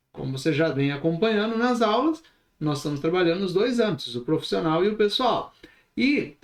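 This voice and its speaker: An instructor with a Brazilian Portuguese accent teaches a recorded online class, talking expressively and gesturing as he explains. His voice is high-pitched and the sound is roomy.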